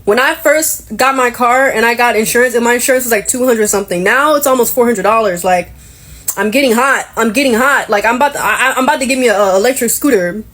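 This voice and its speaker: Woman, high voice, casual exasperated rant, profane. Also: quick pace, hardly any pauses, a bit bright.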